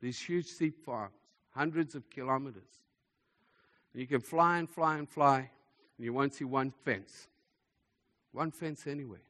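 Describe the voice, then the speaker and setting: Speaking unhurriedly and pausing often, this medium-pitched male preacher addresses a congregation in a large hall. His sermon is emphatic, with repeated phrases and shifts from hushed tones to forceful ones. Long reverb fills the echoey space.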